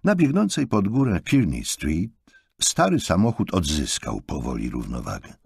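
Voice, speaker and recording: Low, husky male narrator; animated audiobook reading, swinging pitch. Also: normal speed, no echo, clean studio sound.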